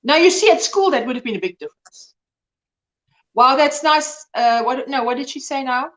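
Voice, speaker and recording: A woman's voice: sits high, normal speed, fairly bright tone. A woman in her early fifties hosting a live crochet chat. She talks casually, reads and answers viewers' comments, and laughs often. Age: 50s.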